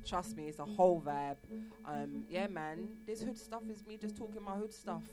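A woman speaks with a south London accent over loud music. She is a music guest on a radio show, chatting casually in slang and often doubling up short affirmations. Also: fairly low pitch, moderate pace. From Croydon, south London, England. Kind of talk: casual radio interview chat. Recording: music playing loudly behind voice.

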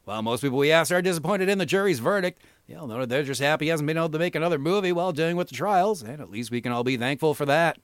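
A man's voice: on the high side, animated, rapid-fire, few pauses, no room sound, clean studio sound. A middle-aged man hosting a podcast, reading crude satirical news with a profane, mocking, sarcastic delivery. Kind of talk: crude comedic news parody.

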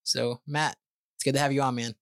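An upbeat man hosts a podcast, introducing his guest and asking questions with enthusiasm. His pitch sits in the middle. The sound is dry and close, with no room echo. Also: flat delivery, fairly quick, fairly bright tone. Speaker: podcast host. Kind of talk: casual interview hosting.

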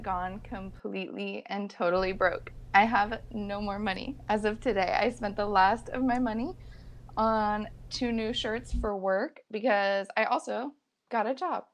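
A young woman podcast co-host with vocal fry, chatting casually and self-deprecatingly while sick, in bubbly slang. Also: mid-range voice, fairly even intonation, measured pace. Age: young adult. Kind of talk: casual chat.

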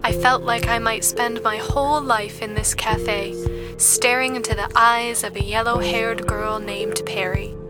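A woman as an audiobook narrator, reading a story in a steady, even voice. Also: fairly high pitch, measured pace, over loud music, close to an everyday voice. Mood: narrating.

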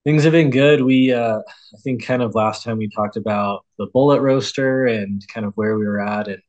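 A man's voice: on the low side, moderate pace, a little mellow, highs cut off. Easygoing rambling male guest. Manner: rambling and easygoing, many fillers. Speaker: coffee roaster, podcast guest. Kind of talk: casual interview talk.

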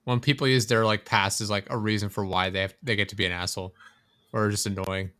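A man riffing sarcastically in casual comedic chat, with profane, quick jokes. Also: on the low side, little pitch movement, crowd noise.

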